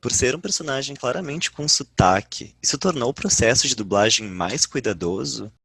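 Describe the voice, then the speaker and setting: A man hosting a podcast, asking plain, steady interview questions. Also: mid-range voice, moderate pace, creaky, slightly rough, no echo. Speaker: podcast host.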